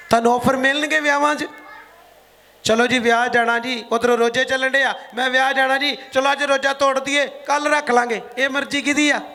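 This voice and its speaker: A male pastor with a Punjabi accent delivers a sermon in a very high, bright voice. He preaches to the congregation and keeps pressing them with rhetorical questions.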